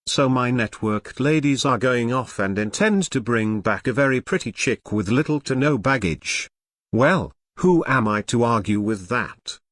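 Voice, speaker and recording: A man reading an audiobook aloud in a wry, mock-grandiose way, with dramatic pauses, close to the mic. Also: medium pitch, animated, fairly bright tone, dry recording. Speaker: audiobook narrator. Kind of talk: scripted narration.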